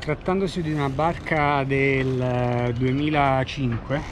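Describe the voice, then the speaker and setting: Filmed outdoors in a harbor on a handheld action camera at arm's length, a middle-aged sailor gives a casual vlog tour of his sailboat. He's hesitant, full of fillers and restarts, speaking slowly at medium pitch with fairly even intonation over a noisy background.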